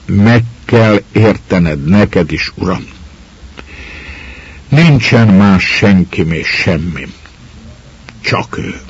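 A young mother, frightened but unbending, as a male reader puts her on. Her answers come short, trembling and firm in a husky, low voice. The recording sounds a bit dull. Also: animated, long pauses, exaggerated voice. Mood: bitter. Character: poor young mother, quiet but defiant.

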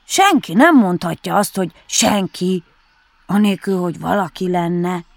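A woman doing a gentle, slow-witted storybook bear, polite and always hungry. He ponders his way through every sentence in a slow, puzzled drawl, with a dry, close sound. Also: lowish voice, expressive, gravelly, dry recording. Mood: musing. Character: polite, slow-thinking, food-loving bear, male.

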